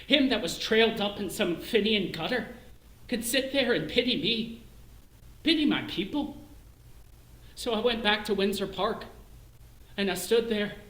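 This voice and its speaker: An actor playing a bitter middle-aged clerk with a Northern Irish accent in a theatrical monologue, swinging between hushed self-loathing and shouted rage. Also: male voice, high-pitched, animated, measured pace, pauses often. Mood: furious, scornful. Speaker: stage actor in a one-man show. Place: performance space, live stream. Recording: roomy echo.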